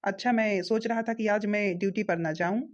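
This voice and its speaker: A woman voicing a gentle, obedient young husband in a cartoon. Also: medium pitch, steady tone, a little fast, muffled recording, lightly acted. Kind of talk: cartoon voice acting.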